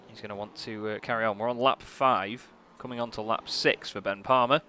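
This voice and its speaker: Bright-voiced male motorsport commentator over car noise. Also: on the low side, a little fast. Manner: motorsport commentator delivery, excitable at incidents, casual and chatty. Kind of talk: live race commentary on an online sim racing event. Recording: noisy, car engine sound behind. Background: racing car engines.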